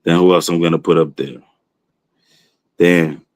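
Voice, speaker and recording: A man's voice: deep voice, fairly even intonation, measured pace, no room sound. A man chatting enthusiastically on a podcast, often tossing in "you know what I mean.". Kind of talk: casual chat.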